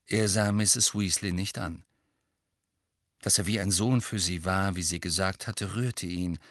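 A man narrating an audiobook with an expressive, lively reading. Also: deep voice, a little slow, no echo, clean studio sound.

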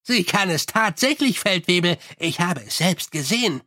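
A man's voice: sits high, lively intonation, moderate pace, pushed and bright, no room sound, clean studio sound. A man reading an audiobook and voicing a scruffy, chatty male corporal who talks eagerly and without embarrassment.

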